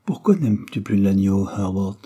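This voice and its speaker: A man's voice: sits low, lively intonation, moderate pace, warm tone, slightly rough. A man doing a reproachful stern father. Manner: reproachful, dry. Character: stern middle-aged father carving at table.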